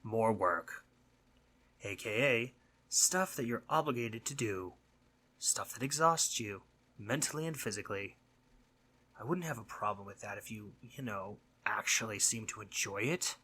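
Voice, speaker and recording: A husky, conversational man plays a teasing but worried sleep demon for a roleplay audio piece, earnest at times and slipping into breathy near-whispers at others. His lowish voice runs a little slow, with a pushed, bright quality. A faint hiss or hum sits under the audio.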